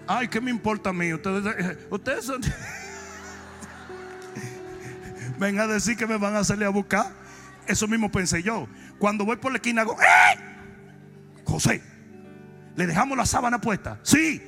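Dominican male preacher, gravelly, bright, joking storyteller, shouts drawn out, soft music under. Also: high voice, sing-song, unhurried, long pauses. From Dominican Republic. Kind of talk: comic sermon storytelling.

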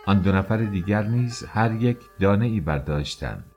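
A man reading an audiobook as its narrator, in a measured, expressive storytelling manner. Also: fairly low pitch, soft background music. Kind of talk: scripted narration.

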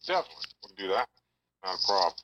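Deep bright man over a phone speaker. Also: big pitch swings, racing, a little hiss or hum. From Louisiana. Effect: heard over a phone speaker. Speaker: guest wrestler. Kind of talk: casual phone chat. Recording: tinny speakerphone call.

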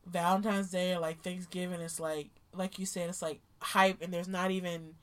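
A woman's voice: on the low side, little pitch movement, normal speed. A woman in her late twenties co-hosting a podcast, talking things through candidly and thoughtfully in casual chat. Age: 20s. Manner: thoughtful, many fillers and restarts, candid. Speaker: podcast co-host.

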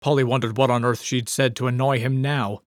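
Guy narrating an audiobook, even steady delivery, middle pitch, dead dry mic. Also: fairly quick, no room sound.

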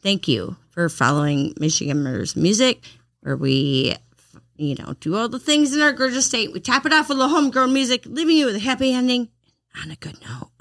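A woman's voice: a little high, very animated, fairly quick, fairly bright tone, dry recording, clean studio sound. A woman co-hosting a podcast in casual chat, giggly and often breaking into laughter. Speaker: podcast co-host.

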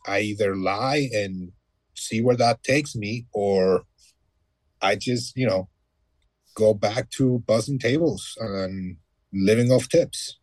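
A man in his mid-thirties, a guest telling his story in a relaxed, matter-of-fact way in a casual conversation. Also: lowish voice, slow, dry recording. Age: 30s. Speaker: guest, former Marine.

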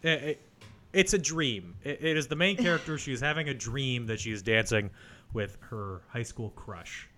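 A man's voice: medium pitch, moderate pace, bright, forceful tone, slight background noise. A man co-hosting a podcast, chatting casually as he recaps a movie. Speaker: podcast co-host.

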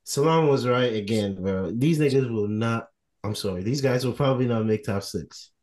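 A man's voice: medium pitch, normal speed, darkish tone. A man in casual football chat, blunt and slangy, throwing in short clipped interjections.

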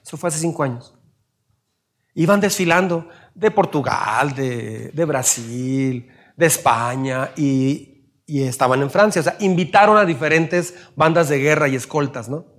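A man's voice: a little high, unhurried, a bit bright. A man with a Mexican Spanish accent preaching a sermon, asking his listeners questions and acting out little scenes in raised voices. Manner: asks the audience questions. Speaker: pastor.

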